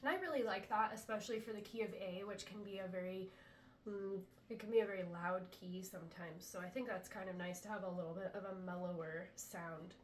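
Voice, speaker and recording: Her voice mid-range and brisk, a woman from the US Pacific Northwest chats casually to the camera in an indoor room while demonstrating her handmade flutes. She sounds a little congested following a cold and stays relaxed, with many ums. Recorded off-mic from a distance in an echoey space, the audio has a little hiss or hum.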